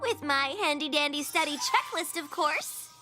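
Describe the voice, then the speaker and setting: A woman's voice: high voice, lively intonation, normal speed, pushed and bright. A woman voicing a bookish, fussy young female unicorn in a cartoon, earnest and lecturing, with music behind.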